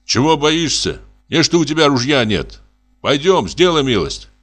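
A man doing a gruff, impatient hunter. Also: on the high side, sing-song, normal speed, a bit bright, pitched above the performer's own voice, exaggerated voice. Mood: urging impatiently. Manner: brusque, commanding. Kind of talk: audiobook reading.

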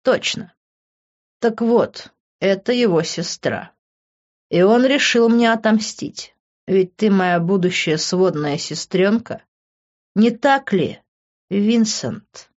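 A woman's voice: medium pitch, takes it slowly, a little mellow, lightly acted. A woman reading an audiobook, voicing a cocky young man who taunts his rival. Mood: taunting. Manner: smug, taunting. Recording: dull lo-fi recording.

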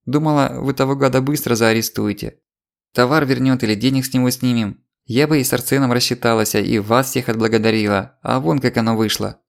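A man's voice: mid-range voice, steady tone, vocal fry, natural voice. A man voicing a scheming female market trader with a Ukrainian accent, rattling off tearful complaints. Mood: wheedling complaint. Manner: rapid tearful patter, complaining. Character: sly chattering market trader woman, scheming.

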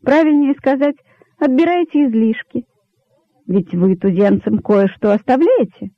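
A grandiose old rabbit king holds court in a storybook, sly and stately as he orates, voiced by a man reading aloud. The voice sits fairly high. The recording is dry and slightly muffled. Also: expressive, measured pace, dry recording, full character voice. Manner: sly orator, stately speechifying. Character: elderly rabbit king, crafty and pompous, male.

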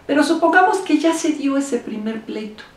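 A woman gives relationship advice as a therapist. She talks in an animated way and acts out the voices she quotes. She sounds set back from the microphone in a room with a noticeable echo. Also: sits high, normal speed. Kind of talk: advice talk to camera. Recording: roomy echo, speaker far from mic.

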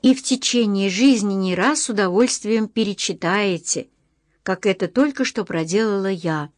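Expressive woman reading an audiobook. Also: mid-range voice, dry recording, clean studio sound. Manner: measured and expressive, slows down for emphasis. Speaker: audiobook narrator. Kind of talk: audiobook reading of a children's book.

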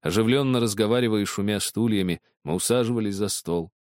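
A man narrating literary prose as an audiobook in a measured, expressive way. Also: lowish voice, no echo, clean studio sound.

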